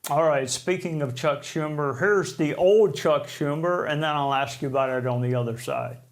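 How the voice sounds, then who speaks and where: A man's voice: on the high side, normal speed. A man hosting a live TV news interview, with sardonic, mocking asides. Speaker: TV news host.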